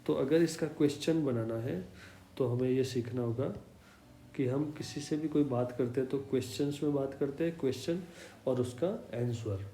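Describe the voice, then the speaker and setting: A man teaching an English class in a slow, explanatory way, patiently repeating each example. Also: mid-range voice, mellow. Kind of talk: slow explanatory language lesson. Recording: echoey room with faint hum.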